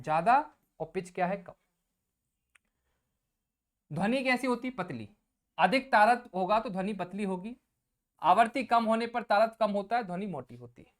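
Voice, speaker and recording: A woman teacher with a mid-range voice delivers an exam coaching lecture, explaining things casually through everyday examples. She asks the class questions and then answers them herself.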